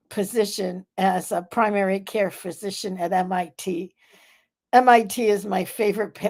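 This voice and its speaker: Older lady in her 70s chatting slow on her live vlog, lots of ums. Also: lowish voice, darkish tone. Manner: slow, chatty storytelling with frequent fillers and laughs. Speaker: vlog host. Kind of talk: casual live vlog chat.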